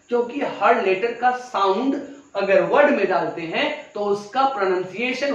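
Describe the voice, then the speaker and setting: A man with a very high voice teaches grammar at a slow, deliberate pace, putting a question to his students and then answering it. He sounds far from the mic in a very echoey room, and the recording is dull. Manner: asks rhetorical questions and answers them himself; addresses listeners as children. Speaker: English teacher. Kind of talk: classroom grammar lesson.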